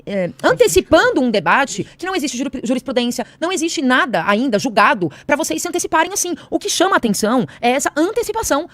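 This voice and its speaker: A woman's voice: high-pitched, very animated, fast, few pauses, a bit bright, no room sound. A woman arguing in a heated studio podcast debate, insistent and repeating her phrases with many fillers.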